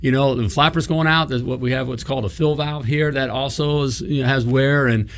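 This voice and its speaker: A middle-aged man hosting a coaching talk show in a studio, speaking into a boom-arm desk mic and driving each point home with "okay?" and "all right?". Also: fairly even intonation, a little fast, gravelly, a little hiss or hum. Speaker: host, plumbing business coach. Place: indoor studio set.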